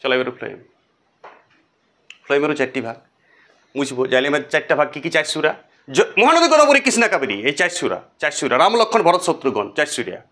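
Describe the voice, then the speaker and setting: A man teaches a biology lesson at a whiteboard, speaking briskly at medium pitch with frequent pauses. Lively and repetitive, he chants memory lists in a sing-song style and addresses his students directly.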